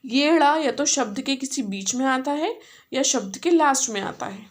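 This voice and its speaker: A woman teacher with an Indian accent, mixing English and Hindi, spelling words out slowly syllable by syllable in a phonics lesson. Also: sits high, expressive. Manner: slow, syllable-by-syllable spelling aloud.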